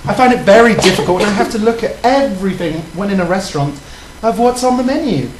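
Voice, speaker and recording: A man's voice: high voice, lively intonation, quick pace, reverberant, a little hiss or hum, poor audio. A man voicing a proper, genteel older English lady who calls everyone darling, in a comic drag skit. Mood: prim. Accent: put-on English. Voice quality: genteel, fussy manner with "darling" and "dear". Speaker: host. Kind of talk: comic drag character chat. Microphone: video call.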